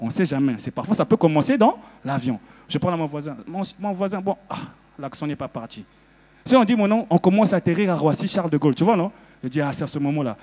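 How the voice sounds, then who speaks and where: A man from Congo performs stand-up on a festival stage, his voice sitting high. He talks in an animated way and keeps breaking into loud, shouted character bits. The sound carries a long reverb from the hall. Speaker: stand-up comedian. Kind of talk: stand-up comedy. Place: festival stage before a live audience.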